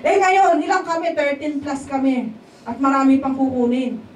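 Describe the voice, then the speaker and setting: A woman's voice: sits high, fairly even intonation, moderate pace, darkish tone. A woman from the Philippines giving a testimony at a church service in a casual, conversational way, often asking the congregation to agree. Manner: keeps checking in with the congregation. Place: church hall at a worship service. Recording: echoey hall, voice picked up from a distance, faint background noise.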